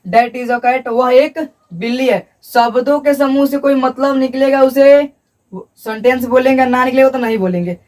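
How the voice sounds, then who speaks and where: A man's voice: extremely high pitch, moderate pace, a little mellow, distant mic. A male teacher giving a classroom lecture at a board, repeating points and asking and answering his own questions.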